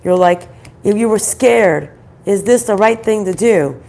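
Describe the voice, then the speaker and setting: A woman with a groggy, croaky voice from a troubled throat, doing a conversational card reading in halting, repeated phrases and questions. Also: medium pitch, dark tone. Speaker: spiritual card reader, host.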